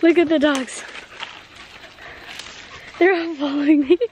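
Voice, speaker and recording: Walking along a dirt road and rural hillside, a young woman narrates a casual vlog into a handheld camera, chatty and frequently laughing, a little breathless from the walk. She speaks unhurriedly in a high, fairly even, slightly mellow voice, with a bit of hiss or hum in the audio.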